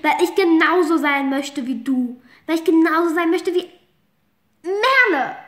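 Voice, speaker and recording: A woman's voice: high voice, slow, reverberant. A woman voicing a jealous, upset teenage girl rider in a horse game role-play, talking plaintively.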